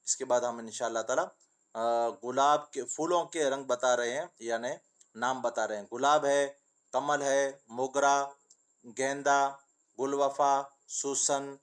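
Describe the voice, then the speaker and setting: A patient male teacher walks children through letters and word lists in a steady sing-song. He asks his own questions and answers them, speaking a tinge. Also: mid-range voice, clear, resonant tone. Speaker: Urdu teacher. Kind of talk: children's reading lesson.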